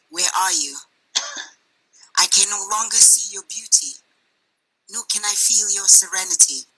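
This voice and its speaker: A middle-aged woman with a South African accent talks over a video call. Her voice is very bright and a little husky. She speaks in an earnest, measured way. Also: medium pitch, rough recording. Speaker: guest speaker. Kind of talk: poetry reading and personal talk on a video call.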